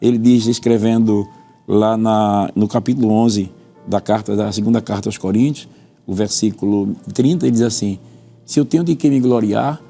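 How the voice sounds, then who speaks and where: A Brazilian pastor, a man, lays out his teaching on a religious panel show with a deep, mellow, gravelly voice. He is earnest and methodical, quotes scripture, and circles back to repeat his points. Soft music plays faintly behind him. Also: fairly even intonation, moderate pace. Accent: Brazilian Portuguese.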